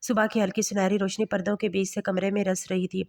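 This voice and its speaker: A woman storyteller narrating a bedtime romance story with a steady, even reading. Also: mid-range voice, vocal fry.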